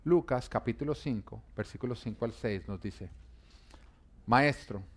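A man's voice: mid-range voice, a little slow. A man pastor preaching a sermon, repeating key lines and pushing emphasis up on important phrases.

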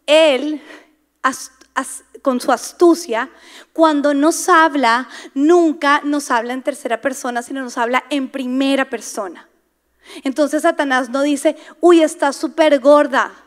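A woman's voice: high-pitched, slow pace. A woman preaching to a women's congregation, dramatic, dropping to whispers for emphasis and acting out inner voices. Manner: acts out inner voices, asks the crowd to repeat words.

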